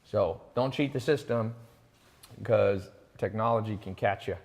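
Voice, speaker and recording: A man's voice: lowish voice, a little slow, a little mellow, in a large hall. A man hosting a live online sales talk, chatting casually, boasting and reading out viewers' names. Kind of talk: casual live-stream pitch.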